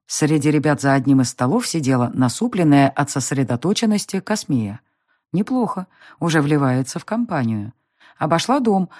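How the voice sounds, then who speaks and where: A woman narrating an audiobook in a measured, expressive storytelling manner. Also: low-pitched, dry recording, studio quality. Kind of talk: scripted narration.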